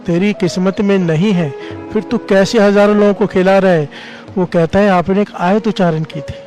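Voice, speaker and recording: A man preaching a devotional sermon, often calling on the congregation to respond and chanting scripture lines slowly. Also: high voice, fairly even intonation, a little mellow, soft background music, poor audio. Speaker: Sikh preacher.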